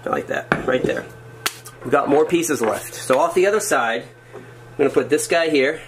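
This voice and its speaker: Indoors at a wooden workbench or floor, a man with a voice on the high side talks at normal speed through a hands-on project, muttering and making wry comments about his own errors. The camera shows his hands over the work, with background noise.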